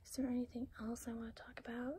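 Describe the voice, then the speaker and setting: A woman talking in a hushed whisper through a casual late-night vlog at home, keeping quiet so she won't wake anyone. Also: a little high, flat delivery, fast talker, a little hiss or hum. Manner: talks in a soft hushed whisper to keep quiet. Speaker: vlogger showing her collection. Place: home at night, boyfriend asleep.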